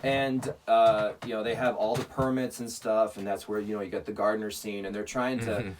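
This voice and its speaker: A man co-hosting a casual podcast, recapping a movie plot in an animated storytelling way. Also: on the low side, normal speed. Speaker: podcast co-host. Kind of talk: casual chat, movie review. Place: remote, separate location. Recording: distant mic with faint noise.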